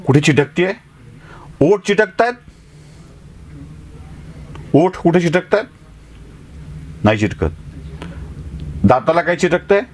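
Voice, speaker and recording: A man's voice: a little high, sing-song, slow, pauses often. A man teaching a class, who sounds out letters one by one and keeps asking the students rhetorical questions. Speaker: journalism teacher. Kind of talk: classroom lecture.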